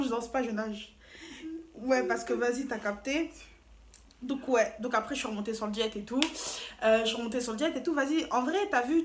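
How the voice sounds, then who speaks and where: A woman telling a story to camera in a casual, animated and slangy way, with playful asides. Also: high-pitched. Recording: roomy echo, faint noise.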